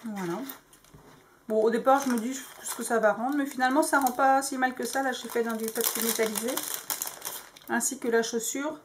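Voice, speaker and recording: A woman's voice: on the high side, fairly even intonation, moderate pace, slight background noise. A woman vlogging in French, casually showing crafting dies with lots of hesitant fillers. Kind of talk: casual show-and-tell.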